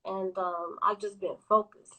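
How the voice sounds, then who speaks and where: A woman, talking casually about her clothing brand on a phone call from her office, pausing often with ums. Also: medium pitch. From New York. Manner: relaxed, hesitant, many ums. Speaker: guest, clothing brand owner. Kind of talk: casual interview on a live video call.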